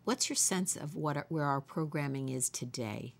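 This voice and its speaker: A woman's voice: sits low, moderate pace, creaky. A woman hosting an interview, asking long, searching questions. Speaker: interviewer host.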